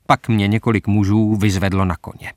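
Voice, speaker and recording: A man narrating a story aloud in measured, even first-person storytelling. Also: on the low side, dry recording, clean studio sound. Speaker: audiobook narrator.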